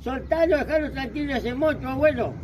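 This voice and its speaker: A man's voice: very high voice, a little fast, slight background noise. Man with doing an urgent little toad. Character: small, scared but brave young toad.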